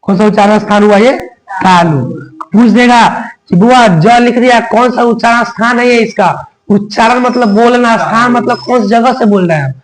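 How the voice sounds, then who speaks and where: A man's voice: very high-pitched, moderate pace, low-quality recording. A man teaching a grammar lesson, sounding out letters one by one and quizzing his students with repeated questions.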